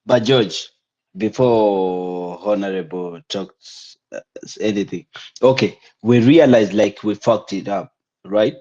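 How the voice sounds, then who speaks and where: A man's voice: on the low side, slow pace, dark tone. A young man with a Kenyan accent explaining things in slangy, casual chat, switching between languages. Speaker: caller, army corporal. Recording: dull, lo-fi online call audio.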